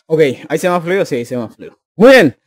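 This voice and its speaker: A man's voice: a little high, sing-song, very fast. A man, a streamer joking and chatting casually with his live chat. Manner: joking, teasing, addressing chat directly.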